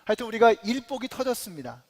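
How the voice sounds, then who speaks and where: A man's voice: very high-pitched, big pitch swings, quick pace, a little mellow. A pastor in his forties preaching a sermon in a church, conversational with filler sounds, building into emphatic rising passages. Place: church sanctuary. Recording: long reverb of a church hall.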